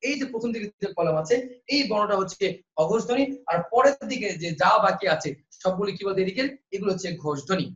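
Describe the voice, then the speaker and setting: A man's voice: high voice, lively intonation, quick pace, fairly bright tone, echoey room, dull audio. A man teaching an online admission-prep class, quizzing students and repeating the answers.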